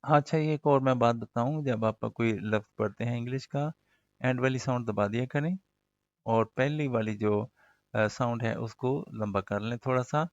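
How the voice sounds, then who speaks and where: A man teaching English pronunciation in a relaxed, conversational way, drawing out example words slowly. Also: mid-range voice, no echo, lo-fi sound. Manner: conversational, slow, repeats example words carefully. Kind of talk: explanatory lesson.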